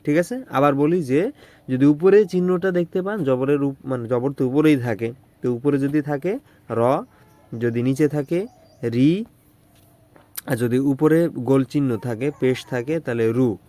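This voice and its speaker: A man teaching Arabic letters in an online lesson, patiently repeating syllables slowly for drilling. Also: medium pitch, mellow. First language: Bengali.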